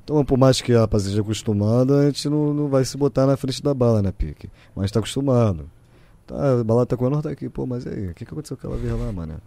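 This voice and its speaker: A man's voice: medium pitch, expressive, very fast, vocal fry, warm tone, no echo. A man with a Rio de Janeiro accent chatting casually on a podcast, full of Rio street slang. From Rio de Janeiro, Brazil. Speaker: music artist, guest.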